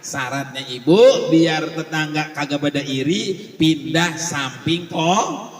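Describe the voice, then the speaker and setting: A man with a Betawi accent preaching a lively, joking sermon to a women's congregation, acting out gossiping neighbours. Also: fairly high pitch, slow pace. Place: large echoey hall. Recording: echoey hall with long reverb.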